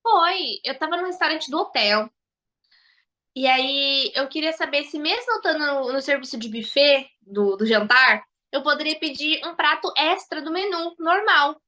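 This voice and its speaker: Bright high-voiced Brazilian woman. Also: moderate pace. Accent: Brazilian Portuguese. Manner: animated storyteller, acts out quoted dialogue. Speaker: podcast guest. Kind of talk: casual podcast chat. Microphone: video call.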